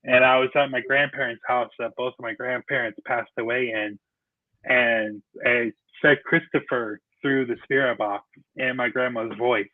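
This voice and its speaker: A man's voice: mid-range voice, steady tone, moderate pace, no echo. A man hosting a casual chat, rambling and restarting as he explains things. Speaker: podcast host. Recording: tinny phone-line sound, dry.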